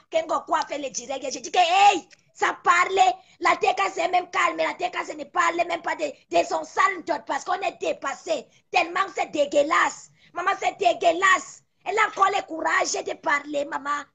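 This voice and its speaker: A woman's voice: very high-pitched, moderate pace, gravelly, few pauses, bright, forceful tone. A woman chiming in with gossip as a guest on a live stream. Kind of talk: casual chat.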